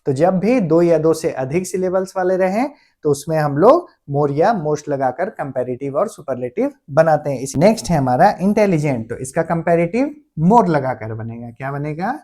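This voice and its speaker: A man teaching a grammar lesson. He explains patiently, often slows down to dictate words one at a time, and checks in with his listeners as he goes. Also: a little high, lively intonation, darkish tone. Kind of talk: classroom-style grammar lesson.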